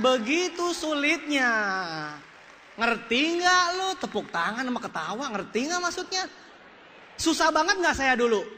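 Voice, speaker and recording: A man's voice: very high-pitched, sharp tone. A man with a Jakarta colloquial accent giving a comic, self-mocking motivational seminar talk, acting out voices as he tells his story. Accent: Jakarta colloquial Indonesian. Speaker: motivational speaker. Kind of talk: animated seminar talk to a live audience. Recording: echoey hall with faint noise.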